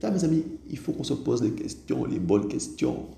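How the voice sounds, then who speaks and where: A man's voice: mid-range voice, big pitch swings, moderate pace, gravelly, warm tone. A man preaching a sermon, who keeps asking his listeners whether they see it, calls them "my friends", and restarts his words often. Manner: repeats "vous voyez ça?" and "mes amis", with stammering restarts. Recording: echoey room with faint background noise.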